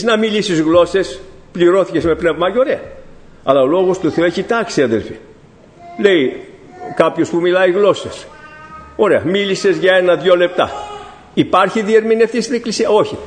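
A middle-aged man preaching a sermon to his congregation, emphatic and rising and falling. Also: high voice. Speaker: pastor.

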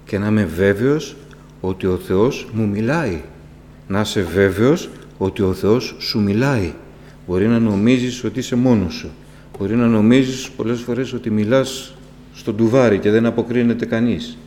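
Faint electrical hum and long reverb surround a slightly mellow male voice preaching with passion. He talks right to his congregation, asks rhetorical questions, and his pitch and volume rise without warning.

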